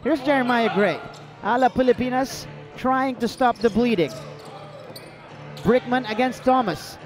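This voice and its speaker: A man with a high voice calls a live basketball game play by play, firing off short, rapid calls as the action moves. On the big plays he breaks into a shout over the arena. The delivery is brisk and continuous. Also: over music. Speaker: play-by-play commentator. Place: indoor arena.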